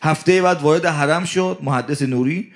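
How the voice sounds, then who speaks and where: A man delivers a religious sermon full of stories, acting out their dialogue. His voice sits a little high, and he swings from loud cries down to hushed murmurs. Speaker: preacher.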